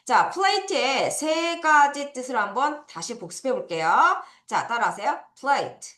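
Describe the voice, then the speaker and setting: A woman English teacher giving an online vocabulary lesson for children, drilling words slowly and having students repeat after her. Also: high-pitched, expressive, a bit bright. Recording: echoey room.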